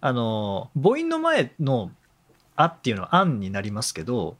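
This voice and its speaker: A man co-hosting a casual podcast about English pronunciation, relaxed and agreeable, with many fillers. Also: mid-range voice, normal speed. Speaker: podcast co-host, English teacher.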